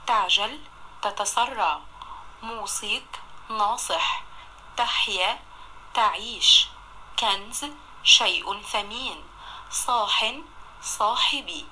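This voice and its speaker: Bright-voiced Egyptian woman teaching children. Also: mid-range voice, a little hiss or hum. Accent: Egyptian Arabic. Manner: stretches words slowly to sound them out, praises pupils. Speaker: primary school Arabic teacher. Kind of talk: recorded online lesson.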